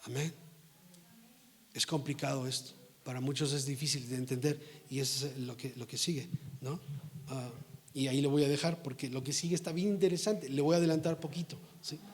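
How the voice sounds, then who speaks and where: A middle-aged man preaching a sermon as pastor, emphatic and scolding, rising to forceful outbursts. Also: on the high side.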